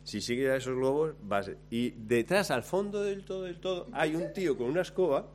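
A man's voice: on the high side, normal speed. Self-mocking man telling a story. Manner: lively, self-mocking, acts out his own lines. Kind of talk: anecdote told to listeners.

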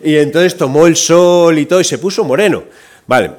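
A man's voice: on the high side, fairly quick. A man with a Spain Spanish accent preaching a sermon, telling a story and acting out its voices with energy. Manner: lively, acts out the voices in his story.

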